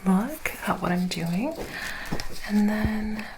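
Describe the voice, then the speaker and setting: A woman speaks very softly, mostly in a soft voice, in an ASMR ear-exam role-play. She plays a gentle clinician who explains each step at a slow pace. The recording carries clear noise with small clicks. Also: mid-range voice, expressive.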